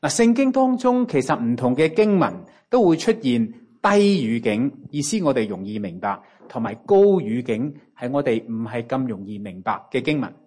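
A man with a Cantonese accent preaching a sermon in short phrases, pausing for an interpreter and often opening with a drawn-out interjection. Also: mid-range voice, very animated, darkish tone, husky.

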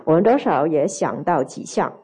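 A woman's voice: low voice, expressive, normal speed, mellow, husky. A woman interpreting a sermon phrase by phrase, hesitating with small fillers while she finds the words. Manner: hesitant, fills gaps with "ah" and "er" while translating.

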